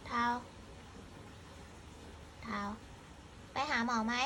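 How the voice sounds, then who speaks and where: A woman's voice: very slow, sharp tone, a little hiss or hum. A woman chatting casually and playfully, coaxing a cat with short repeated phrases. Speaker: cat vlogger talking to a stray cat and viewers. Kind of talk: casual pet chat, cooing questions to a cat.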